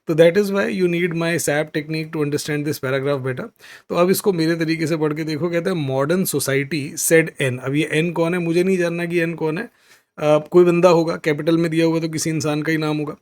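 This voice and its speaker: A young male exam-prep teacher with an Indian English accent talks through a recorded lesson, switching easily between Hindi and English. His voice sits somewhat high, and he slows to a careful crawl when he reads passages aloud. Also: steady tone, a little mellow. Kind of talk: recorded lesson explaining a question.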